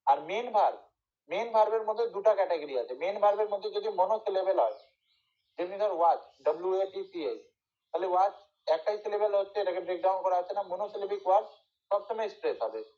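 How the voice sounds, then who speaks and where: A man's voice: high voice, fairly quick, highs cut off. A male teacher giving a lecture to his students, repeating points and checking often that they understood. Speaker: English teacher.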